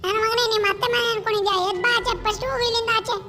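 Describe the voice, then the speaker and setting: Cocky cartoon jailbird boy , woman dubbing: very high, piping, slangy and brash. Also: steady tone, very fast. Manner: brash, street-slang taunting. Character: Nobita as a cocky jailed boy don. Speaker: voice actor in a fan spoof dub. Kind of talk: comic cartoon spoof dubbing.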